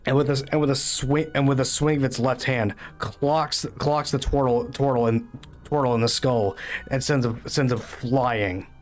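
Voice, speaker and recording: A man's voice: mid-range voice, steady tone, moderate pace, faint music behind. A man narrating as game master of an online tabletop game, often stammering and restarting his sentences.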